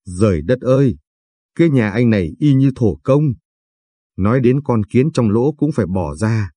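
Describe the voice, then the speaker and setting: A man's voice: mid-range voice, expressive, normal speed, mellow, husky, no room sound, clean studio sound. A man voicing a playful, talkative young village woman who needles and teases in a storybook reading. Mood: teasing.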